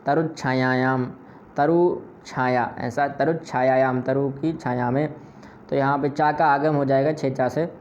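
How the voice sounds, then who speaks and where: A man's voice: mid-range voice, fairly even intonation, a little slow, a little mellow. A man teaching Sanskrit grammar, explaining patiently step by step and repeating his examples. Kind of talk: explanatory lesson. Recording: slightly dull lo-fi audio with faint noise.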